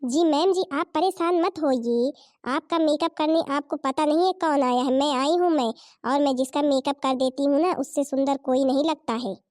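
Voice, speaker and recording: A woman's voice: high-pitched, normal speed, darkish tone, no echo, studio quality, close to an everyday voice. A woman voicing a boastful beauty parlour woman who praises her own makeup skills. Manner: boastful, eager to please.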